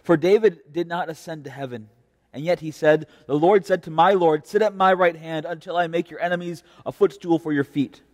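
A young adult American pastor preaches a devotional with scripture reading from an indoor church chancel. His male voice is on the high side and a little fast, picked up by a distant mic in the reverberant church.

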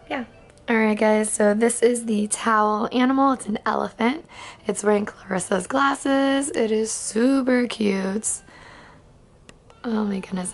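A woman vlogger chatting casually to her camera, her voice hoarse and nearly gone, rambling with fillers. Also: fairly high pitch. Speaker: travel vlogger. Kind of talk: casual vlog chat. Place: cruise ship cabin and outdoors.

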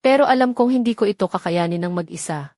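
Lady doing a quiet worried young guy in a story, soft and hesitant, mid pitch. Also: quick pace, no echo, studio quality, close to an everyday voice. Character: young man, quiet and troubled.

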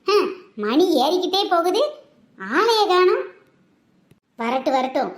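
Woman playing a naggy old mother-in-law, mutters and scolds, high voice, echoey room. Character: nosy grumbling older mother-in-law. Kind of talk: village comedy skit.

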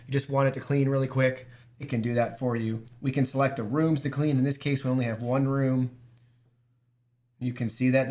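A man giving a relaxed, casual walkthrough of an app as a product reviewer, chatting directly to his viewers. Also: mid-range voice. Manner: easygoing, talks to viewers as "guys".

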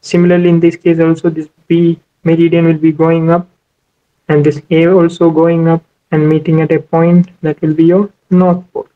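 A man's voice: on the high side, little pitch movement, moderate pace, clean tone, narrow, tinny audio. A man teaching ship navigation over a whiteboard screen recording, explaining step by step with many "you know"s. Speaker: maritime navigation instructor. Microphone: voice-over for a tablet screen recording.

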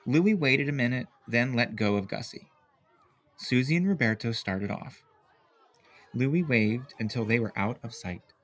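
A man reading a picture book aloud as narrator, with slow, expressive storytelling. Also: mid-range voice.

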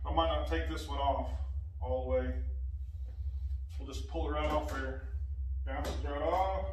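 In his garage, a man in his forties who runs a motorcycle vlog explains a windshield install casually while working, his plain-spoken narration drifting from the phone's mic. The voice is on the high side and a bit dark, fairly even in intonation and a little slow. Poor audio carries some hiss or hum.

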